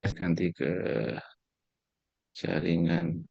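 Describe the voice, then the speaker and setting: A man's voice: sits low, flat delivery, slow, vocal fry, warm tone, breathy edge, dry recording. A male lecturer talking formally to his class over a video call while his audio keeps breaking up. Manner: formal, addresses class politely. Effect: call audio breaking up on an unstable connection. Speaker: university lecturer. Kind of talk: online lecture. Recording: muffled dry online call audio.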